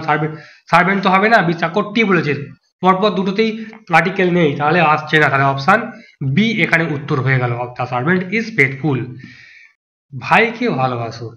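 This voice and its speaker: A man with a slightly high voice teaches an exam-prep grammar lesson. He tries each answer option aloud, rules out the wrong ones and settles on the right one. The recording is muffled and lo-fi. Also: sharp tone. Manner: talks through each answer option aloud, testing and rejecting choices.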